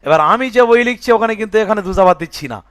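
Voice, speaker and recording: A man's voice: high voice, expressive, rapid-fire, fairly bright tone, clear, resonant tone, dry recording, studio quality. A man teaching Quran reading, spelling out words letter by letter and checking that the student follows. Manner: breaks words into letters and vowel marks, checks "বুঝে আসছে?". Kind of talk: spelling-out recitation lesson.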